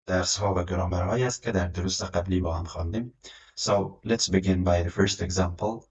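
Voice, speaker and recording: A man's voice: low-pitched, creaky. A man teaching English vocabulary, saying each word twice and then giving its meaning. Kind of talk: vocabulary lesson, slow repetition.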